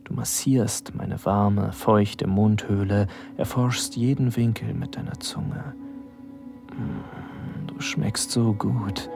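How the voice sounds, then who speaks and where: Over music, an actor slowly narrates an intimate audio drama as a hesitant young man aroused by and in love with his best friend. His steady voice sits on the low side, hushed and breathy with frequent whispers, and the mood is tender and aroused.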